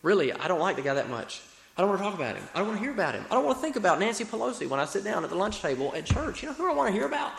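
Young Alabama-accented preacher in an echoey hall. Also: male voice, high-pitched, big pitch swings, rapid-fire, gravelly, a bit bright. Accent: Alabama Southern American. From Alabama, United States. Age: young adult. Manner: earnest, folksy, repeats phrases for emphasis. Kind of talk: sermon. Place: reverberant room, preaching to a congregation. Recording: echoey hall with long reverb.

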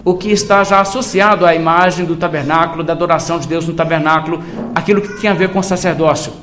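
A man preaching a Bible study in a measured, emphatic way, slowing down to stress his points. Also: high-pitched, fairly bright tone, a little hiss or hum.

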